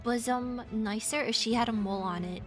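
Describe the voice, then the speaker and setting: A woman streaming a game with a high voice. Her commentary is casual, playful and teasing, with faint music behind it. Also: fairly quick. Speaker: livestreamer.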